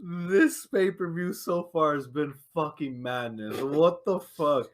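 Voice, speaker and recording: A man with a fairly high voice co-hosting a laid-back wrestling review show. He talks in an exasperated, profane way and breaks into laughter often. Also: slow. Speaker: podcast co-host. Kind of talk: casual wrestling review chat.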